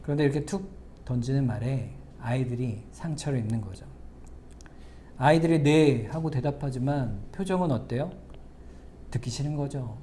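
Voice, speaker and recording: A middle-aged man, the pastor, preaching a sermon and speaking straight to the congregation, moving between loud emphatic lines and soft asides. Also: medium pitch, slight background noise.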